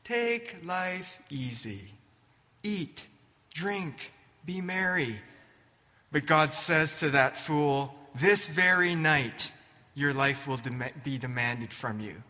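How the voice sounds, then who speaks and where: An earnest, compassionate teacher who pleads and warns, as a preacher puts him on. His voice is bright and slightly raised, and his delivery is slow and deliberate. A long hall reverb hangs on every word. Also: fairly high pitch, animated, exaggerated voice. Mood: warning. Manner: earnest, pleading, by turns warning and gentle. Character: compassionate, urgent male teacher of followers.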